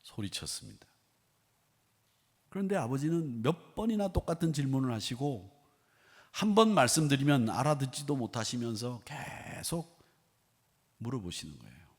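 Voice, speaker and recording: A male pastor preaching a sermon, moving between loud, emphatic declarations and soft, hushed storytelling. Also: medium pitch, very animated, moderate pace, long pauses, slightly rough. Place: church sanctuary. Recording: long reverb of a church hall.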